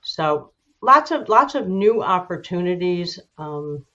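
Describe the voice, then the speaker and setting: A woman giving measured, informative, slightly halting explanations as an expert guest in a broadcast interview. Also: lowish voice, sing-song, bright, forceful tone, dull audio.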